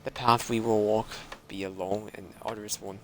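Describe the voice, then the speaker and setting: A man's voice: lowish voice, little pitch movement, moderate pace, faint music behind, lightly acted. A man voicing a grandiose armored carpenter from a video game, with pompous, archaic phrasing. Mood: pompous, solemn.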